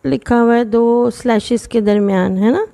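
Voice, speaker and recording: A woman teaching phonics to children in a patient, explaining way, sounding out words slowly. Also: on the high side, creaky, warm tone.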